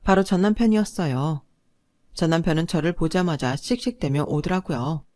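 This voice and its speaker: Firm, slightly low-voiced woman storyteller. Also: normal speed, a little mellow. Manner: firm, blunt, cutting in retorts. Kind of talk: first-person story narration.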